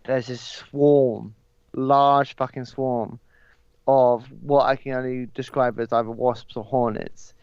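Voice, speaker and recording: Smooth-voiced young man, slightly muffled. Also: mid-range voice, flat delivery, takes it slowly, darkish tone, dry recording. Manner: hesitant, many ums, swears casually. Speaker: podcast guest. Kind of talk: casual podcast chat.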